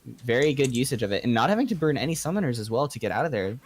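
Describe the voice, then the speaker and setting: He's a play-by-play commentator on a live video game match, speaking very fast in a mid-range voice. When action breaks out, his delivery gets excitable.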